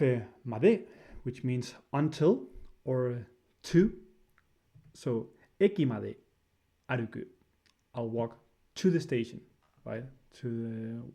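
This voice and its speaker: A man giving a casual spoken lesson, hesitant and filling pauses with "uh" and "right?". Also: medium pitch, creaky, dark tone. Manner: hesitant, many fillers, frequent "right?". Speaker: language teacher.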